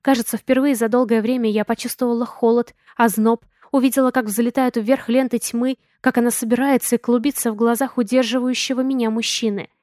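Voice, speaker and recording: A woman reading a first-person fantasy audiobook in a measured, even way. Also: a little high, dry recording, studio quality. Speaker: audiobook reader.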